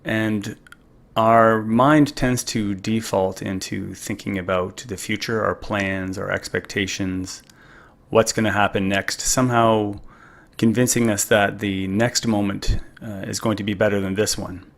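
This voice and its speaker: A man leading a guided meditation in a calm, soothing, unhurried manner. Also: lowish voice, vocal fry. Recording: music playing behind the voice. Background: meditation music.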